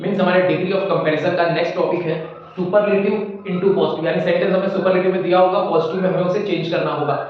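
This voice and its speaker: Male tutor, high voice, slow dictation; distant, muffled mic in a very echoey room. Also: steady tone. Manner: addresses students as children, slow dictation of examples. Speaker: English teacher. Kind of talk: classroom grammar lesson.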